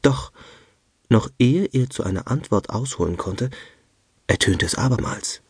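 A man narrating a children's audiobook in a lively, expressive storytelling manner, close to a studio mic. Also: mid-range voice, measured pace, breathy edge, dry recording.

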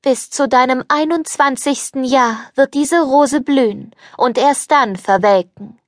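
A woman's voice: sits high, unhurried, no echo, clean studio sound, pitched above the performer's own voice. A woman reading an audiobook, voicing an old beggar woman who turns into a stern fairy, speaking solemnly.

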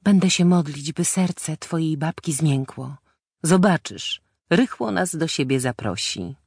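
A woman narrator voicing a gentle, devoted young wife who speaks in soft, old-fashioned formal phrases. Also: low-pitched, animated, a little slow, husky, no room sound, clean studio sound, exaggerated voice. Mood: hopeful.

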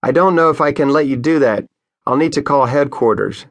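A man's voice: medium pitch, brisk, voice pushed up, close to an everyday voice. A stern, wary woman sheriff's deputy in an audiobook, read by a male narrator. She fires off clipped, suspicious questions in a slightly raised voice.

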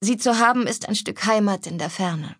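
A woman's voice: mid-range voice, moderate pace, husky, no echo, clean studio sound, natural voice. A woman voicing a troubled young mistress of an estate, speaking earnestly. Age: young adult.

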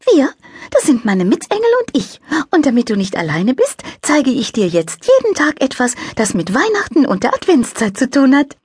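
A tiny squeaky child angel. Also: female voice, wildly swooping pitch, normal speed, a little mellow, no room sound, full character voice. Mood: bright, eager. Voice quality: delicate high voice. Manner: speaks overly clearly.

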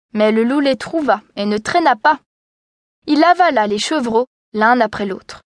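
A woman narrating a children's storybook in a clear, expressive way. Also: on the high side, dry recording, clean studio sound. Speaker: audiobook narrator.

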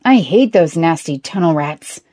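A fretful, haughty man who grumbles nervously about every danger and sounds a little higher and louder than the storyteller around him, as a woman narrator puts him on. His grainy, husky tone has a dark, dry edge. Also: lively intonation, a little slow, dry recording. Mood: grumbling. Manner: nervous, complaining.

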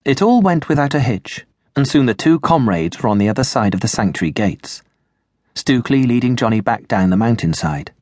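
A man narrating a children's audiobook in a measured, expressive way on a close studio mic. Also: mid-range voice, no room sound. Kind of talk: scripted narration.

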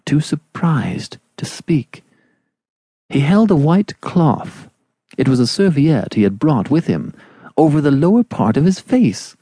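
A man's voice: mid-range voice, dark tone, no echo. A man narrating a classic novel as an audiobook, shaping each phrase expressively.

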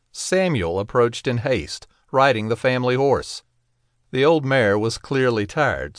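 A man narrating a children's audiobook in a gentle, expressive storytelling manner. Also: lowish voice, no room sound, studio quality.

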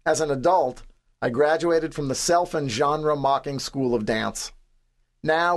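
A man in his forties from the New York City area, reading his own memoir aloud in a wry, understated, self-deprecating way. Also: mid-range voice. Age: 40s. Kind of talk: scripted audiobook narration.

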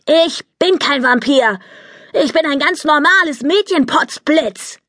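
A woman voicing a stubborn, quick-tempered young girl in a children's audiobook, with an indignant, emphatic delivery. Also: sits high, sing-song, sharp tone, no echo, studio quality, voice pushed up, exaggerated voice.

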